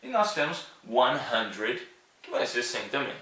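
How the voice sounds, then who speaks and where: A man's voice: medium pitch, big pitch swings, unhurried, pushed and bright. A man teaching English numbers in a casual, chatty way, joking and often checking in with his listeners. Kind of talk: casual classroom explanation. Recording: very echoey room, mic at a distance.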